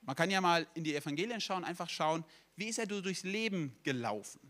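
A young man preaching a sermon, telling stories in a lively way and acting out quotes casually. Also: sits high, a little fast.

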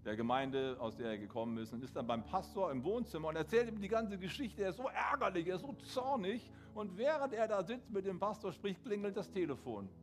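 A man preaching a sermon in German, retelling a story with animated, acted-out quotes before leading into prayer. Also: high-pitched, a little fast, hardly any pauses, soft background music. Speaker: pastor.

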